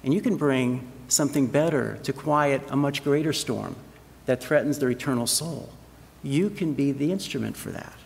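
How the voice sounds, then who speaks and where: A man's voice: mid-range voice, normal speed, creaky, a little mellow. A man preaching a sermon in an earnest way, asking rhetorical questions and acting out the voices in the passage. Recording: long hall reverb.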